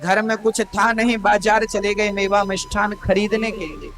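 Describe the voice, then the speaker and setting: A man telling devotional stories in a sermon with a North Indian Hindi accent, dramatic and addressing his listeners warmly as mother. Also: high voice, steady tone, normal speed. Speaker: Bhagavat katha preacher.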